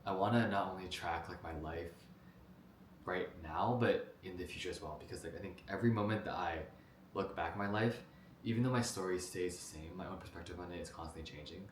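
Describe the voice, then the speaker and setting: A man's voice: deep voice, a little fast, reverberant, slight background noise. A young man from New Jersey talking casually to a camera about his life, rambling with lots of fillers and restarts. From New Jersey, United States. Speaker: vlogger. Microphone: camera mic.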